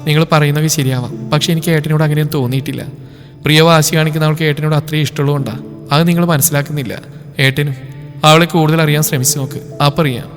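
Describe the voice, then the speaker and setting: A man voicing a caring young woman who speaks calmly and soothes a friend, in a storybook reading. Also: on the high side, rapid-fire, big-room sound, soft background music, close to an everyday voice. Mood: reasoning. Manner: soothing, reasoning.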